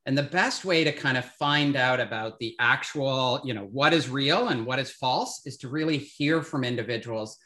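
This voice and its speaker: A man moderating an admissions webinar, explaining in a measured way with frequent fillers. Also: medium pitch, a bit bright.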